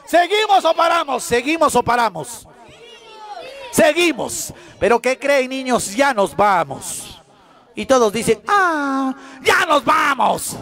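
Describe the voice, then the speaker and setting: A man's voice: very high-pitched, a bit bright. A man performing as a children's party clown at a live show, playful and laughing as he calls out to the kids.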